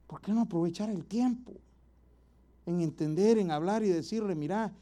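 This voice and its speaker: A man's voice: high voice, moderate pace, mellow. A man preaching a sermon, speaking directly to his listeners, exhorting them with repeated rhetorical questions.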